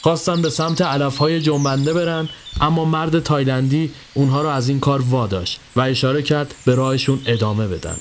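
A man giving a scripted narration of a horror story in a steady storytelling voice. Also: few pauses, slight background noise. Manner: steady storytelling, dropping low for tense moments. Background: faint music.

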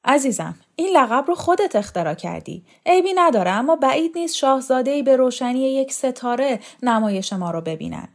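A woman's voice: high-pitched, voice pushed up, full character voice. A woman reading the part of a vain, eager young male theatre director. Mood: excited. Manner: eager, excited, quick.

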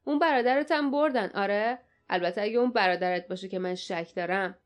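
A woman voicing a gruff, greedy male riverboat captain who snarls with scorn. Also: medium pitch, close to an everyday voice. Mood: scornful.

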